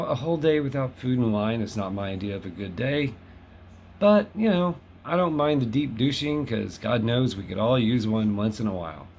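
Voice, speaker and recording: A man's voice: medium pitch, gravelly, darkish tone, slight background noise. A man in his fifties hosting a casual home video, talking in a chatty, wry, self-deprecating way. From Los Angeles. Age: 50s. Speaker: host. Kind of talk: casual monologue to camera. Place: home in West Hollywood.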